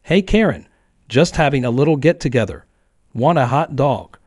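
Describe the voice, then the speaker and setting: A man's voice: medium pitch, lively intonation, moderate pace, a little mellow, dry recording, studio quality, lightly acted. A man voicing a frustrated new homeowner who tries to stay friendly but sounds strained and protesting.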